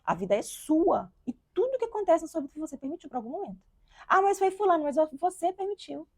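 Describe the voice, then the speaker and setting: Sing-song and quick, this woman's high voice has a dark tone, recorded dry. She is an entrepreneur and mother from Minas Gerais, Brazil, sharing her life story as an interview guest, heartfelt and re-enacting her own past words.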